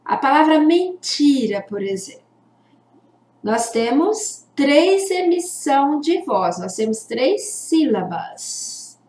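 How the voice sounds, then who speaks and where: Slow, echoey woman teacher. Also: high-pitched, big pitch swings, darkish tone. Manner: slow, deliberate, stretches out syllables for young learners. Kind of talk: children's literacy lesson. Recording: echoey room.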